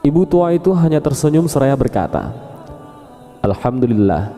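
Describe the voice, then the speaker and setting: A man narrating a religious story in a calm, steady storytelling manner. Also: mid-range voice, normal speed. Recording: long reverb over faint background music. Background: faint music.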